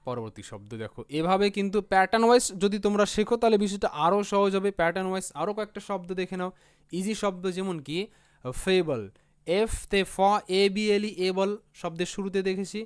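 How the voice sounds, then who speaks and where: A man's voice: sits high, animated, fairly quick, clear, resonant tone. A man teaching English spelling patterns, patiently spelling out letters and repeating each word. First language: Bengali. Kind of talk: spelling lesson.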